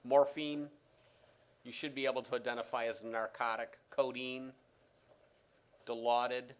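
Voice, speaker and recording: A man teaching respiratory therapy speaks in a smooth, mid-range voice with a level tone at normal speed. Still, his lecture rambles, full of fillers and restarts, alternating loud and quiet and trailing off at sentence ends.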